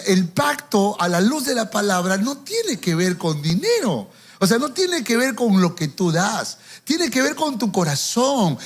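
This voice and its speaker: A man preaching a sermon as pastor, telling stories, acting out the voices of people he quotes and often repeating words as he goes. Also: high-pitched.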